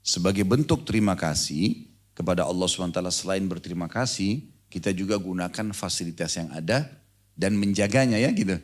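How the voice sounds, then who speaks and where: Low-voiced man preaching conversationally. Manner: conversational, questions the audience often; lively storytelling with acted-out dialogue. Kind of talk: sermon to a congregation.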